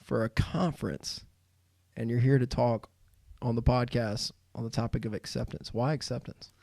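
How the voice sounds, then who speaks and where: Guy hosting a podcast, animated storyteller, dead dry studio sound. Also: mid-range voice, normal speed, vocal fry, dry recording. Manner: animated storyteller, laughs while telling. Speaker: podcast host. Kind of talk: casual podcast chat.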